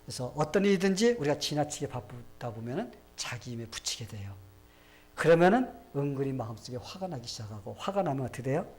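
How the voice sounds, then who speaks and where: A man's voice: medium pitch, very animated, brisk, darkish tone. A man from Korea preaching a sermon as pastor, asking rhetorical questions and acting out quoted people. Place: church sanctuary.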